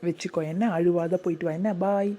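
A woman's voice: fairly low pitch, steady tone, fairly quick, warm tone, close to an everyday voice. Woman doing a kind, coaxing cartoon stranger. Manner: coaxing, reassuring. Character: kind stranger comforting a boy, man.

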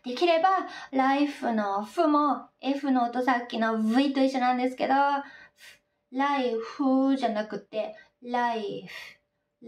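A woman teaching singing and pronunciation, calmly explaining and then singing lines slowly. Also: sits high, far from the mic. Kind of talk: slow sung pronunciation lesson. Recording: roomy echo, voice off-mic.

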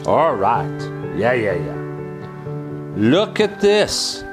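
Man, slow unhurried delivery, lively swooping pitch, music underneath. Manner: exuberant, chatty, calls viewers "my friends" and "baby". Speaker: cooking appliance reviewer. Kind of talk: casual cooking review.

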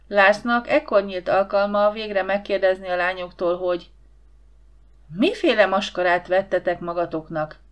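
A woman narrating a youth science-fiction audiobook with lively storytelling. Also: mid-range voice. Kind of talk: scripted narration.

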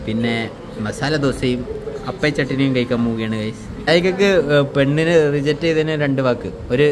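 A male vlogger with a Malayali accent talks in a casual, playful, teasing way, sprinkling English words through his Malayalam. His voice sits at an average pitch, with clear restaurant chatter around him on a phone recording. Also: fairly quick. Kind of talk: casual teasing food vlog chat. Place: indoor restaurant. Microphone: handheld phone. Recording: busy restaurant with background chatter.

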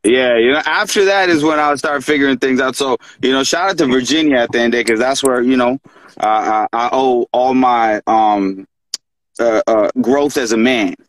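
A man who grew up in Pakistan, a rapper guest in a casual livestream chat, talking in a relaxed, easygoing way with lots of "you know" and "man". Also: medium pitch, normal speed, no room sound, rough recording. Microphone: video call.

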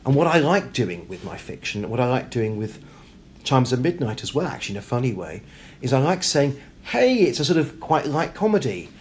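A British author speaks quickly and with great animation in a mid-range voice during a hotel interview. Reflective yet lively, he emphatically acts out imagined questions and answers. Room noise can be heard in the background.

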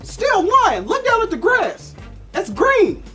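A man's voice: extremely high pitch, huge pitch swings, slow pace, music in the background, voice pushed up, full character voice. Brief: a man playing a teasing, boastful lion liar, drawling in street slang. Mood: smug. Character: smooth-talking male lion who brags about lying. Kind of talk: improv comedy sketch.

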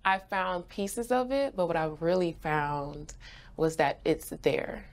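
A young Haitian woman raised in Florida, appearing as a guest and brand ambassador, answers interview questions from an indoor studio. Her voice is on the low side with lively intonation and a slow pace, and she's bubbly, laughing often.

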